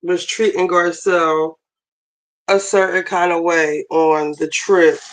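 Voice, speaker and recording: A woman with a hoarse voice chatting casually on a livestream while she cooks in her kitchen. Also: fairly low pitch, little pitch movement, takes it slowly, poor audio. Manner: chatty, multitasking while cooking. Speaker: livestream host. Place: home kitchen, running water. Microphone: phone camera.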